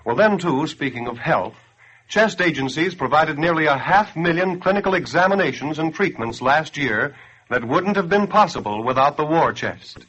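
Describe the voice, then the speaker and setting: Delivering a scripted appeal as a radio announcer and campaign spokesman, this American man speaks earnestly and persuasively in a declamatory 1940s manner. His voice is on the high side and fairly bright, with a breathy edge, lively intonation and normal speed. It comes through as a dull, grainy 1940s broadcast.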